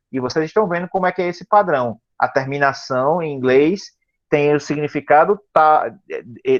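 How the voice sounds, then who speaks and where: Tired man teaching a slow online class. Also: on the high side, muffled recording. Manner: patient, repeats words slowly and checks understanding often. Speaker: English teacher. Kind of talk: online class explaining vocabulary.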